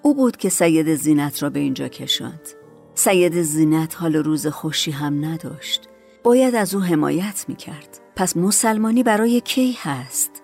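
A woman narrating a storybook in a calm, measured reading voice. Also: deep voice, gravelly, faint music behind.

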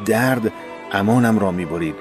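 A man reading a first-person memoir in a solemn, measured voice that often sinks low and soft. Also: music in the background. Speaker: narrator of a war memoir. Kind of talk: scripted first-person narration.

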